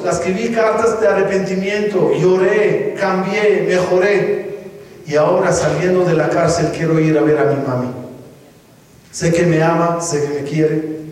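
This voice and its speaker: A man's voice: high-pitched, a little mellow, very echoey, long reverb tail, recorded from a distance, poor audio. A man giving a sermon, telling stories and asking the audience rhetorical questions. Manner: stops to give instructions to a helper. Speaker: rabbi giving a talk.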